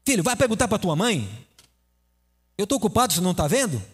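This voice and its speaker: A man's voice: sits high, sing-song, takes it slowly, pitched above the performer's own voice, exaggerated voice. A man voicing a stressed, short-tempered father who brushes off his son. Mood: irritated. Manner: snappish and curt. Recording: echoey hall reverb.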